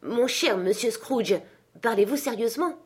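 A woman voicing a distinguished old gentleman, speaking slowly in amazement in a storybook reading. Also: on the high side, lively intonation, husky, voice pushed up. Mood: amazed.

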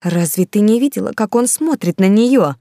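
A woman's voice: lively intonation, fairly quick, a little mellow, no echo, clean studio sound, close to an everyday voice. A woman reading the part of a scheming, fawning noble baroness who talks in a raised, indignant voice. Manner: indignant, high and agitated.

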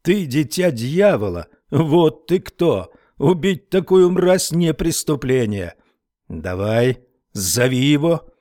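A man doing a slow menacing gunman. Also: a little high, very animated, dark tone, dry recording, studio quality, voice pushed up. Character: armed threatening man, menacing and cruel.

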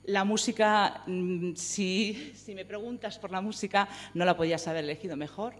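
A woman gives an earnest, measured testimony as a psychology lecturer at a round table. She moves between an academic tone and a personal one. Her voice rings with the long reverb of a large hall. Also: mid-range voice. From Madrid, Spain.

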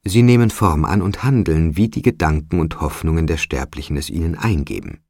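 A mysterious spirit girl, voiced by a man explains things calmly and quietly in a storybook reading. The voice is husky, and the recording is dry and close. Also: rumbling low, a little fast, no echo, heavily acted. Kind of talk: audiobook character voice.

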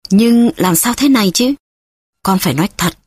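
A woman's voice: medium pitch, lively intonation, normal speed, slightly rough, dry recording, clean studio sound. A woman reading the part of a worried young female tutor who presses a child with urgent questions, in an audiobook.

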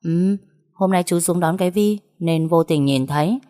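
A kind, easygoing uncle, as a woman reader puts him on, speaking in a caring, relaxed way. The voice sits a little low. He is a figure in a narrated story. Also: moderate pace, natural voice. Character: kind middle-aged uncle, gentle and caring.

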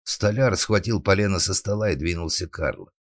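A man narrating an audiobook in an ironic, even storytelling manner. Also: deep voice, a little fast, no room sound, studio quality.

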